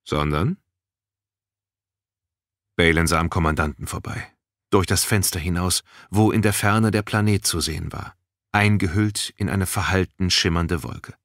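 A man reading a fantasy audiobook in a lively, expressive way. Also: deep voice, moderate pace, no room sound, clean studio sound. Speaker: audiobook narrator. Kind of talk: scripted audiobook narration.

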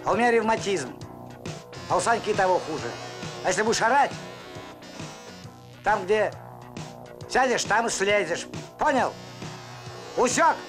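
A grumpy older worker who won't be pushed around. His high voice rises and falls widely, on an old film soundtrack with music. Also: expressive, moderate pace, pauses often. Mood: grumpy, threatening. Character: grumpy older male worker defying the young ones. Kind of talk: Soviet film acting.

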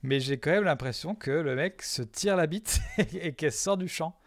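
A man's voice: a little high, moderate pace, no echo, clean studio sound. A man casually commenting live on his own video, hesitant with lots of fillers and self-mocking jokes.

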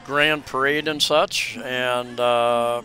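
A man's voice: mid-range voice, steady tone, very slow, soft background music. A man narrating a casual walking tour outdoors, rambling with many hesitations and restarts, recorded on a camera mic as he walks. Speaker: travel vlogger. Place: outdoors on a crowded city street during a festival. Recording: loud street crowd around.

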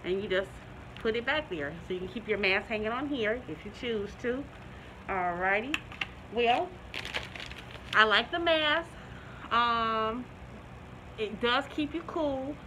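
A middle-aged woman reviewing a product in a casual vlog, talking through a face mask, chatty and relaxed with many ums and restarts. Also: fairly high pitch, unhurried, pauses often, background noise.

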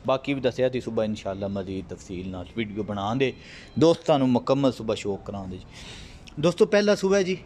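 A man's voice: mid-range voice, darkish tone, slight background noise. A man filming outdoors on a farm with a phone camera, running a casual, friendly sales talk for viewers. He repeats himself and keeps addressing his audience as friends. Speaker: livestock sales vlogger.

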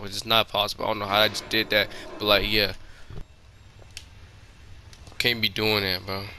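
A man's voice: fairly low pitch, sharp tone, slight background noise. A man giving casual, slangy commentary on a horror game, talking informally to the game and viewers.

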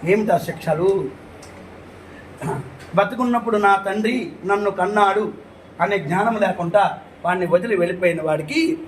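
A man, a priest, telling a religious story lively, with rhetorical questions and long lists. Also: sits high, slight background noise, rough recording. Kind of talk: storytelling talk.

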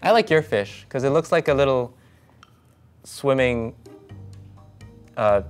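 A man's voice: medium pitch, lively intonation, slow, clear, resonant tone, faint music behind. A young man chatting casually as a contestant in a studio guessing game. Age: young adult. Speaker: graphic designer, game contestant. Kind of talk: casual chat. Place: small indoor studio set.

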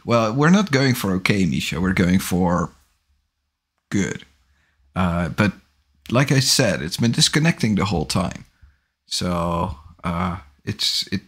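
Headphones on and a big studio mic on a boom arm in front of him, a forties-aged livestream host chats from a small home office. His voice is low and husky, and his talk is laid-back and meandering, with frequent self-corrections.

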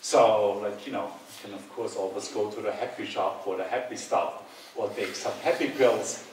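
Relaxed man speaking in a hall. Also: on the low side, normal speed, distant mic, a little hiss or hum. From Austria. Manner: relaxed, conversational, jokes with the audience. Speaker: speaker giving a talk and Q&A. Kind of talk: lecture with audience questions. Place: large bright hall with hard walls, indoors. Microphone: headset mic. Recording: echoey hall, speaker a bit off-mic.

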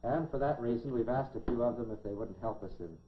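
Heard on a dull and clearly noisy 1950s film soundtrack, a middle-aged American presenter in a lab coat talks fast in a mid-range voice. He's presenting a scripted educational science film on an indoor laboratory set, folksy in tone and dryly funny.

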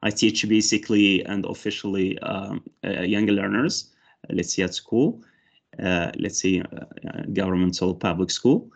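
A Moroccan English teacher, native in Arabic and Berber, does a mock interview and demo lesson over a video call on a headset, in a room with large windows. His low, creaky voice moves at normal speed. He's hesitant, with many fillers and restarts, but brightens when teaching.

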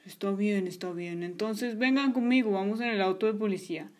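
A woman voicing a tired, skeptical male police officer in a toy story, talking low and doubtfully. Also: a little fast, close to an everyday voice. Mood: weary.

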